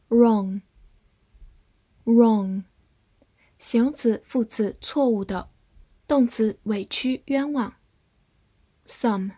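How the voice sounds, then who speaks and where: Slow, breathy woman teaching vocabulary. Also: on the high side, darkish tone. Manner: reads example sentences slowly twice. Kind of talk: slow scripted vocabulary lesson.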